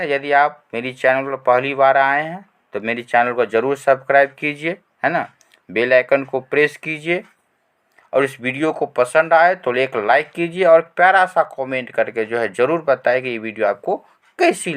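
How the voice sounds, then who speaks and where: A male teacher, slowly reading exam questions aloud and checking in with listeners after each point. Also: medium pitch, fairly bright tone, clean tone. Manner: reads questions slowly, repeats phrases with tag "है ना". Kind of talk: online exam-prep lesson.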